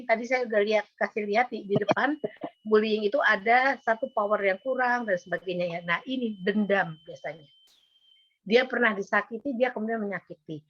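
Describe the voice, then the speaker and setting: A woman's voice: medium pitch, fairly bright tone, no echo. An older woman, a psychologist, giving a patient, explanatory webinar talk to parents with frequent filler words. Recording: dull, dry video call audio.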